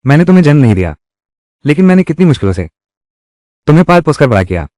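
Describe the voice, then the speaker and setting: Man dubbing a spiteful old mother-in-law, over sixty, scolding, self-pitying, lively pitch, dry. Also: fast talker, no room sound. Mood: bitter. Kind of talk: dubbed drama dialogue.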